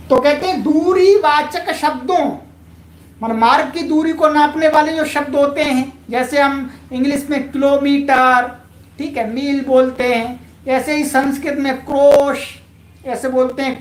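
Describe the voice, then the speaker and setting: A woman's voice: sits high, roomy sound, slight background noise. A woman teaching a Sanskrit grammar lesson online, patient and polite, repeating key points to her viewers.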